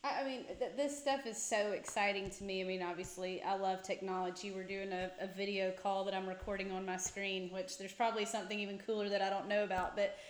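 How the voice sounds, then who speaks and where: A woman's voice: mid-range voice, steady tone, fast talker, hardly any pauses, roomy sound. A woman who teaches tennis interviews a guest over a video call. She talks with enthusiasm and fills her speech with "I mean" and "you know.". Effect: heard over a video call. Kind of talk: casual interview chat.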